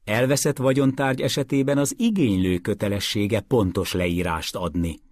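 Man doing a calm, firm lawyer. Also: lowish voice, dry recording, natural voice. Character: calm, dry-witted male lawyer.

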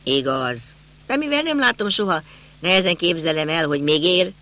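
A man's voice: fairly high pitch, lively intonation, sharp tone. A man doing a rambling elderly neighbor. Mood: reminiscing. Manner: rambling, reminiscing. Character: talkative elderly male neighbor, hesitant.

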